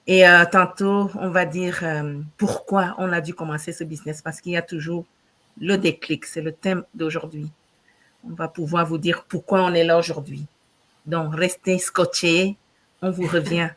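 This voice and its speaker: A woman's voice: lowish voice, steady tone, normal speed, fairly bright tone. Hesitant woman introducing herself. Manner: hesitant, many fillers. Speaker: panel guest, CEO of a digital business. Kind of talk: self-introduction on a live stream.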